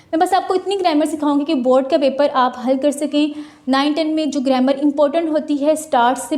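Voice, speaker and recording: Young woman vlogger, twenties, high-pitched, chatty Q&A delivery, phone-recorded. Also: darkish tone. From Pakistan. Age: 20s. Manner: chatty, answers viewer questions one by one with practical advice. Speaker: student vlogger. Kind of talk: casual Q&A vlog. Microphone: mobile phone.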